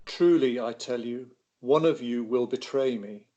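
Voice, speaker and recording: A man's voice: mid-range voice, a little slow, warm tone, dull audio, natural voice. Man reading as solemn Jesus in scripture drama. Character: grave, solemn, sorrowful male teacher Jesus. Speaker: reader playing Jesus in a church Bible reading.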